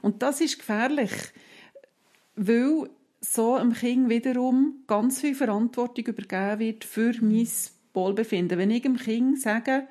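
A woman who calmly explains parenting advice, step by step, in a casual podcast chat. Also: a little high, unhurried.

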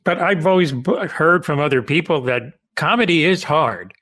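A man from Cuba hosting an interview, speaking in a friendly, slightly halting way. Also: fairly high pitch, fairly bright tone, dry recording. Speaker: interview host. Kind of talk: casual interview chat.

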